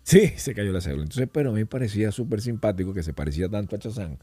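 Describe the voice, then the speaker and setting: Un hombre invitado a un pódcast, que cuenta historias de forma animada y coloquial, con muchas frases que se reinician. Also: male voice, fairly low pitch, very fast, breathy edge, faint music behind. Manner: animated, rambling storyteller with frequent restarts; colloquial, addresses host as "hermano". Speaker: podcast guest. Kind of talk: casual storytelling chat.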